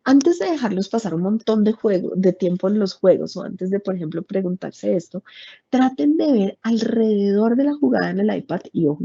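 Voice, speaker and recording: Husky, creaky woman, calm explainer. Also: medium pitch. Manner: calm, explanatory, addresses the moderator by name. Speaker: workshop speaker for parents. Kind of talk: parenting workshop talk. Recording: dull lo-fi sound.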